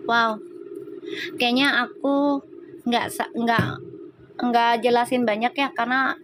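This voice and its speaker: A middle-aged woman chats casually on a live stream, spinning animated stories and laughing often. Her voice sits fairly high. A faint hiss runs under the recording. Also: takes it slowly. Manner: chatty, animated storytelling with frequent laughter. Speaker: tarot reader and live streamer.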